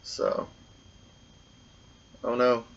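A man hosting a casual blindfolded taste test, talking in a relaxed, rambling way. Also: very slow, muffled recording. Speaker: food vlogger.

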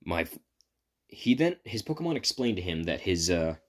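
A man's voice: sits low, sing-song, a little fast. A man improvising a fan story, rambling with frequent stops and restarts as he retells it. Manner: rambling, stop-and-start retelling.

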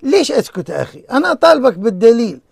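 A man moderates a heated call-in debate in a very high voice. He talks quickly and insistently, pleading and repeating himself. The sound is dry and close. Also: very animated, gravelly, a little mellow, husky, no room sound. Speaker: debate show host.

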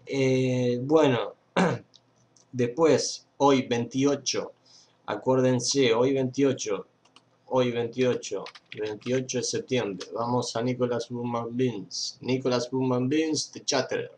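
In a slow, steady, mid-range voice with a darkish tone, a young Argentine man talks through a casual fan-page news chat. He speaks Argentine-accented Spanish into a webcam mic at his computer indoors, rambling with many fillers and restarts.

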